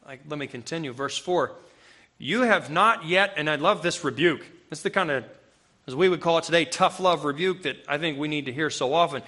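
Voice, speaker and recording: Before a live audience in a room, a man preaches a conversational sermon, reading scripture and bursting into emphatic, raised outbursts. His voice is a little high and fairly bright, and he speaks quickly.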